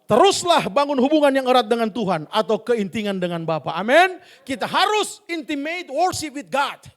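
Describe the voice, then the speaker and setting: A male pastor preaching a sermon in a playful, animated way and speaking straight to the congregation in a church. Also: extremely high pitch, moderate pace.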